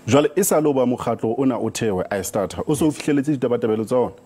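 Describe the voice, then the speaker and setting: A man's voice: medium pitch, racing, mellow, slightly rough. A man with a South African Sotho accent presenting broadcast news as the anchor.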